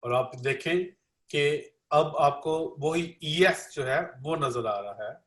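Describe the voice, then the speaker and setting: A man's voice: on the high side, expressive, slow pace, a bit bright. A man interpreting a classroom lecture live, repeating each line with many fillers. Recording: echoey room.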